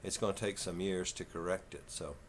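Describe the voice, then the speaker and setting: Texas guy in his 50s, southern twang, kinda low voice, slow rambling vlog chat. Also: a little hiss or hum. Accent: Texan southern twang. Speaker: vlogger. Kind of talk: casual vlog talk.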